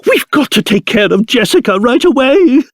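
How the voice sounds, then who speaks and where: A man's voice: very high-pitched, very animated, moderate pace, no room sound, studio quality, heavily acted. An actor playing a fussy, self-important, fatherly old king in a video game, with a British accent and pompous, old-fashioned formal speech. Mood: miserable, fretting. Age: older. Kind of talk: video game character voice acting.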